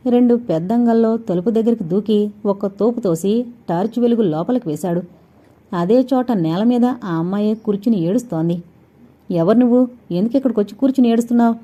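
A woman reads a suspense story aloud in a deep, mellow, dark-toned voice. She keeps a steady, measured pace and lets quiet dramatic pauses hang between sentences. The recording is dull and lo-fi. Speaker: audiobook narrator. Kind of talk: storytelling narration of a suspense novel.

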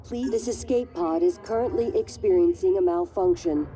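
An actress voicing a calm female ship computer in a video game, giving even, measured automated announcements. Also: lowish voice, music in the background, natural voice.

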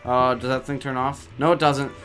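A man's voice: medium pitch, level tone, moderate pace, music in the background. A young man playing a video game, mocking himself and yelping at his mistakes while chatting. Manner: self-mocking, yelps when failing. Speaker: guest player. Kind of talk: casual gaming banter.

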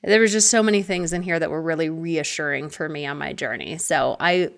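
Casting: woman in her 30s, podcast co-host, earnest and enthusiastic, slightly low voice. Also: fairly quick, gravelly. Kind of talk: casual podcast chat.

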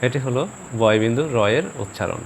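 A man teaching pronunciation in a video lesson, speaking slowly and deliberately and repeating each example word for practice. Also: medium pitch, slight background noise.

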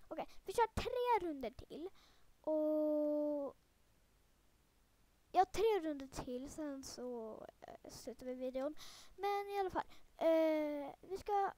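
Young female gamer, high voice, loose rambling play-by-play, lots of fillers, tips quickly into excited panic. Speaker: gaming video creator. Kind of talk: casual let's-play commentary.

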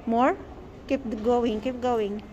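A Filipino mother in her thirties, with a Filipino accent, films a casual family vlog inside a shopping mall, coaxing her kids along in English and Tagalog. Her voice is fairly high with fairly even intonation, and she takes it slowly. The handheld phone camera picks up a noisy mall, and the highs are cut off.

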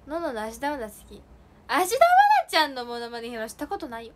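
Bubbly high-voiced young woman livestreaming. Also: animated, fast talker, very noisy. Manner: bubbly, chatty, giggly, talks to viewers. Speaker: idol livestream host. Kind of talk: casual solo livestream chat. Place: indoors during heavy rain. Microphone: phone or streaming mic.

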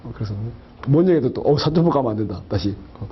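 A man's voice: medium pitch, lively intonation, quick pace, highs cut off, a little hiss or hum. A middle-aged man teaching a math lecture, chatty and jokey, quizzing his students with rhetorical questions as he works through problems.

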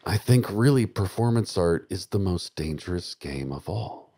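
Before a live crowd in a small, dark theatre, a middle-aged man delivers a macabre dark-comedy monologue, deadpan and musing, laughing quietly to himself. He speaks at a normal pace in a low-pitched voice, a handheld mic held near his mouth.

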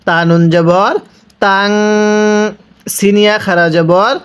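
A man with a Bangladeshi Bengali accent teaches Quran reading in a slow, spelled-out recitation lesson, patiently sounding out letters and vowels, then stretching each word for the listener to repeat. His voice is high, steady, slow, fairly bright, clear and resonant.

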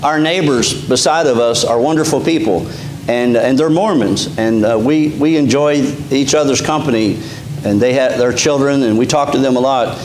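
A man's voice: mid-range voice, moderate pace, darkish tone. A middle-aged man with an Appalachian Kentucky accent preaching a sermon conversationally, restarting phrases often. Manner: conversational preaching with frequent restarts and fillers, gesturing while standing. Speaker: pastor. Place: small church sanctuary, indoors. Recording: echoey church room with faint hum.

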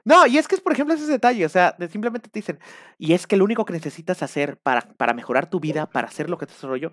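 Animated Mexican man chatting on stream. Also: high voice, racing, no echo, studio quality. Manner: rambling, animated, acts out shouted quotes. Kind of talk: casual chat on a live stream.

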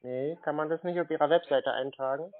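In a casual phone conversation, a scam-baiting prank callee feigns being a clueless customer and asks questions. He speaks a little fast in a fairly high, steady voice; the recording is dry, with muffled narrow-band call audio.

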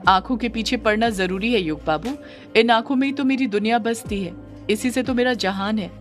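A woman's voice: fairly high pitch, moderate pace, soft background music, lightly acted. A woman voicing an affectionate young woman who speaks in a tender, coaxing, playful way in an audio story.

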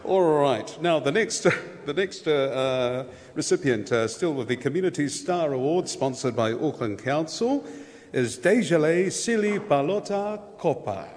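A man's voice: a little high, lively intonation, measured pace, a little mellow. A man hosting an awards ceremony with an upbeat, jokey announcing style. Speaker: emcee. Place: large hall on stage. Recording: long hall reverb.

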